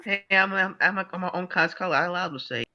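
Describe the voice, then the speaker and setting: A man's voice: sits high, fast talker, sharp tone, muffled recording. A man chatting casually with a friend on a stream, laughing his way through his stories. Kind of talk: casual chat.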